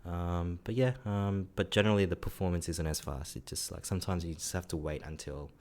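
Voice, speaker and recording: A man's voice: low voice, steady tone, brisk, darkish tone. A man co-hosting a tech podcast, talking casually and rambling with many fillers. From Australia. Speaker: podcast co-host.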